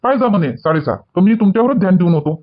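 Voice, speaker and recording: A man's voice: high voice, animated, racing. A man with a Varhadi Marathi accent playing a middle-aged father-in-law who soothes and coaxes. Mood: placating. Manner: soothing, coaxing. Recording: dull lo-fi sound.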